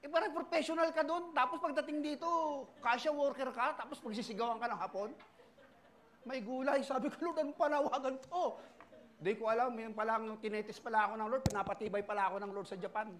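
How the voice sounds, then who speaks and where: A middle-aged male pastor with a Filipino accent, preaching a sermon full of personal testimony and acting out other people's voices in animated storytelling. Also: extremely high pitch, quick pace. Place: church service.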